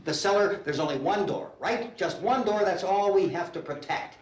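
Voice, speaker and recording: A man's voice: high-pitched, animated, moderate pace. An actor playing a stubborn, frightened, abrasive middle-aged family man arguing insistently in a 1960s horror film. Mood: agitated pleading. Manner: argumentative, insistent, agitated. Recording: echoey old film sound, distant mic.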